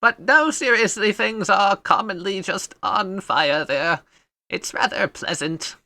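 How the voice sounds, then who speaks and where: A woman's voice: mid-range voice, slow pace, pushed and bright, no room sound. A woman voicing a carefree, eccentric man who loves fire, rambling playfully in a tabletop role-play. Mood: breezy.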